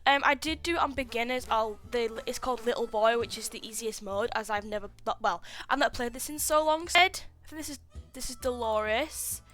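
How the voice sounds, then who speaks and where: A woman gaming YouTuber giving excitable let's play commentary, flustered and full of panicky exclamations. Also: a little high, normal speed, faint music behind.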